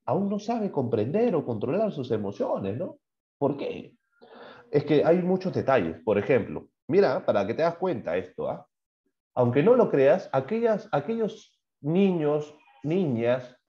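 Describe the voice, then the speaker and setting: A man teaching a primary school science class online, asking questions and answering them himself. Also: a little high. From Peru. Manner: acts out short quoted voices in examples. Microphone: computer mic on a video call. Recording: dull lo-fi video-call audio.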